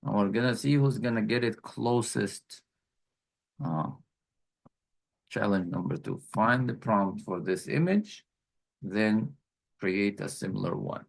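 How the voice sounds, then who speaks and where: Slow, gravelly male instructor. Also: fairly low pitch, lively intonation. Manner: slow, repeats key points. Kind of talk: online class teaching.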